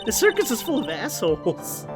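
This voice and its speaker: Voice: medium pitch, huge pitch swings, moderate pace. Sweary streamer chatting through a game, sardonic, voice jumps up and down, game music playing behind. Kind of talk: casual playthrough commentary, reading game dialogue aloud.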